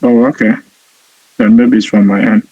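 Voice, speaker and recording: A man's voice: lowish voice, little pitch movement, normal speed, creaky, a little hiss or hum. Guy on a call that keeps dropping out, dull lo-fi sound, faint clicks. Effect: choppy call audio dropping out. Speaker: student. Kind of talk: online class call. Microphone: video call.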